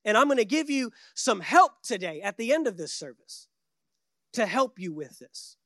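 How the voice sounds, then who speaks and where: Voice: mid-range voice, sing-song, moderate pace, a bit bright, no room sound. Exhorting, emphatic preacher, close dry sound. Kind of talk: sermon to a congregation.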